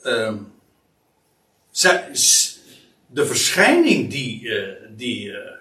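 A man's voice: mid-range voice, wildly swooping pitch, extremely slow, sharp tone. Hesitant man teaching in an echoey room. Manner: hesitant, many fillers and restarts. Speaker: Bible teacher. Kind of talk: explanatory Bible study talk. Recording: echoey room, distant mic.

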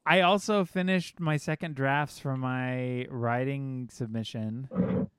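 A man's voice: medium pitch, steady tone, takes it slowly, fairly bright tone, smooth, no room sound. A man co-hosting a podcast, chatting casually and rambling with lots of fillers and swearing. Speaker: podcast co-host. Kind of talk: casual chat.

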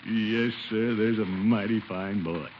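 An actor playing the Great Gildersleeve, a jolly, pompous middle-aged American uncle in a 1950s radio sitcom, hearty and theatrical. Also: male voice, lowish voice, slow pace. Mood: boastful, avuncular. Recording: muffled old radio broadcast with hiss.

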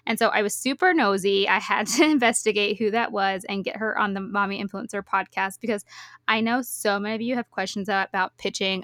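An upbeat woman from Tennessee hosts a podcast, with no trace of a regional accent left. Her voice sits at a middle pitch, sounding close and dry. She talks in a bubbly, enthusiastic way. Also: fairly bright tone, no room sound. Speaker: podcast host. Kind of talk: scripted intro and casual interview chat.

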